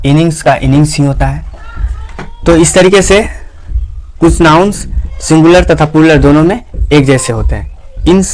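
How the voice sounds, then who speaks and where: A young man teaching English grammar in a slow classroom style, repeating examples and asking rhetorical questions. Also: on the high side, a little mellow.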